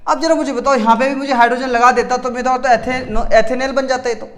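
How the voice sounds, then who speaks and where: Guy teacher with a pretty high voice, goes over chemistry terms, keeps asking "what do we add?" and answering it himself. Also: fairly even intonation, fast, a bit bright. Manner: asks and answers his own questions, repeats key words; frequent self-corrections. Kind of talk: classroom chemistry lesson.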